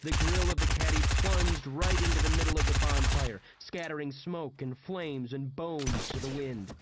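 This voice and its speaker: A man's voice: a little high, moderate pace. A man narrating a first-person audiobook in a wry, dry manner, with background noise. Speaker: audiobook reader. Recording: noisy background hiss.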